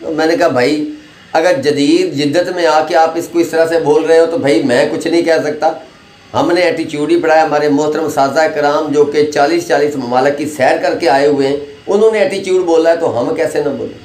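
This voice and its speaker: A man's voice: fairly high pitch, fairly even intonation, normal speed, darkish tone. A man, an English teacher giving a chatty classroom lecture full of anecdotes and pronunciation drills. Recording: echoey room with faint noise.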